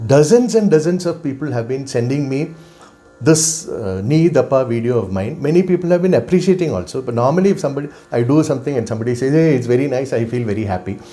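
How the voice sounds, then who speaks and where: A man's voice: mid-range voice, mellow. A man in his fifties from Kerala with a Malayali accent and Malayalam as his native language, making an earnest, informal personal appeal with emphatic repetition. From Kerala, India. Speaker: Carnatic music singer and teacher. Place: indoors, home room with bookshelves.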